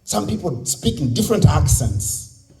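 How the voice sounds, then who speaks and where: Male motivational speaker, Ugandan accent, fairly high mellow voice, exhorting an audience through repetition and rhetorical questions. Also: big pitch swings, measured pace, creaky. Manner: exhorting, repeats key phrases, asks rhetorical questions. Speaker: speaker at a youth convention. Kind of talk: motivational public speech. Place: live on stage at a convention.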